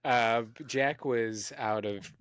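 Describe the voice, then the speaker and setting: A man's voice: medium pitch, slow pace, fairly bright tone, clear, resonant tone, no echo. Easygoing man, dry close sound. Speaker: podcast co-host. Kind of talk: casual chat.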